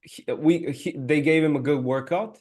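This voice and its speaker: A man from Serbia with a Serbian accent, hosting a casual podcast interview in halting speech full of restarts. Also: fairly high pitch, a little mellow. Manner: halting, many restarts and fillers. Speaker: podcast host.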